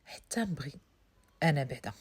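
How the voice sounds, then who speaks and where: A woman with a Moroccan accent voicing a guarded young woman, speaking softly and hesitantly. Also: on the low side, animated, rapid-fire. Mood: tense.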